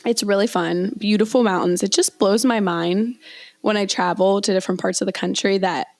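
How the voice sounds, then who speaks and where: A young woman co-hosting a podcast, telling stories in a chatty, animated way with many fillers. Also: medium pitch, moderate pace, no echo. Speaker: podcast co-host. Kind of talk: casual chat.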